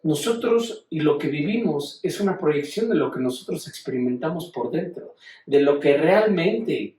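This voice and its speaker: Mexican man, high voice, casual profane lecturer, recorded from a distance in a roomy space. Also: expressive, moderate pace, darkish tone. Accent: Mexican Spanish. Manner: profane, slangy, acts out quoted speech. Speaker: teacher.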